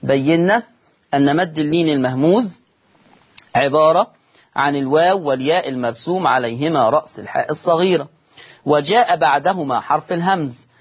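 In a studio-broadcast televised lesson on Quran recitation rules, an Egyptian-accented man speaks with a fairly high, husky voice at a slightly fast pace. He goes over key points repeatedly and answers the questions he puts to his students.

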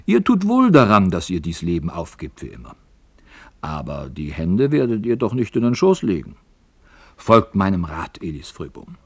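A man's voice: deep voice, wildly swooping pitch, normal speed, breathy edge, no room sound, heavily acted. A man voicing an old miner who gives earnest counsel and flares up in anger. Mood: persuasive. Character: old male miner, wise, persuasive, quick to anger.

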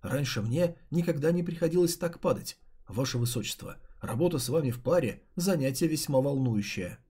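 A man voicing a lively, theatrical young male deity in an audiobook, excitable and playful. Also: a little high, a little fast, husky.

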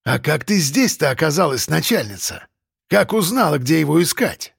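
A man's voice: on the high side, animated, moderate pace, creaky, slightly rough, no room sound, heavily acted. A man reading as a menacing, sneering gang boss who mocks in crude criminal slang.

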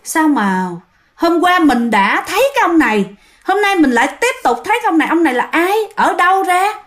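A woman's voice: very high voice, very animated, brisk, voice pushed up. A woman voicing an irritated middle-aged male construction commander. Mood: bewildered. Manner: defiant, grumbling.

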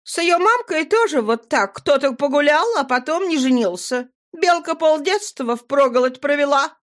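A woman reading an audiobook and voicing a blunt teenage girl, a young sorceress who talks in a quick, insistent, matter-of-fact way. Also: high voice, animated, voice pushed up.

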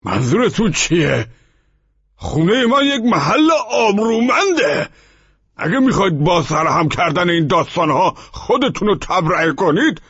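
A man's voice: sits high, big pitch swings, fairly bright tone, slightly rough, dry recording, dull audio, voice pushed up, full character voice. A man voicing a stern middle-aged landlord who lectures his tenant, in an audiobook. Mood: outraged. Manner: reproachful, lecturing. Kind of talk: audiobook character voice.

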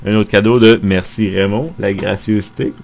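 A man's voice: fairly low pitch, steady tone, moderate pace, vocal fry, background noise. A man with a Québécois French accent rambling casually about his CDs, loose and joking, swearing offhand. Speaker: vlogger playing his CDs. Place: dim room at home.

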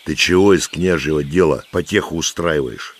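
A man voicing a gruff, stern military commander in an audiobook, with music behind. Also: a bass voice, moderate pace. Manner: barking, commanding.

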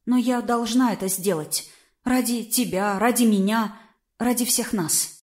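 A woman voicing a determined young princess in an audiobook, speaking in a quiet, resolute voice. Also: on the high side, measured pace, lightly acted.

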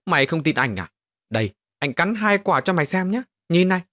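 Man doing a gruff street boy. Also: on the high side, big pitch swings, brisk, fairly bright tone, no room sound, studio quality, voice pushed up. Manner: gruff, bossy, teasing. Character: boy of the streets, tough protective older brother.

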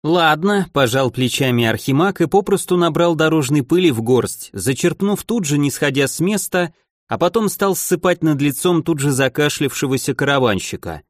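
A man narrating a fantasy audiobook in a measured, wry storytelling manner. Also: a little high, lively intonation, no room sound, clean studio sound.

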